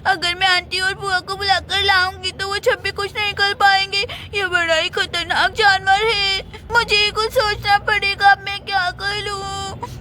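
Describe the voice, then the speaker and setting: A woman's voice: very high voice, little pitch movement, measured pace. A woman voicing a scared little girl who talks in a tearful, pleading way. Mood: frightened.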